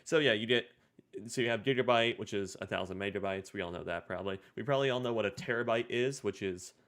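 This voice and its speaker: A man's voice: lowish voice, fast, a bit bright. A young man co-hosting a casual tech podcast, explaining things step by step and checking in with his co-host.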